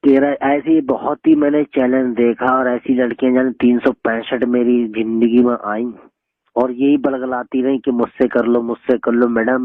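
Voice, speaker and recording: A man from the Bareilly area of Uttar Pradesh, India, argues heatedly over the telephone, scolding and threatening in colloquial speech. His voice is medium-pitched with no room sound, and the phone call recording is muffled and lo-fi.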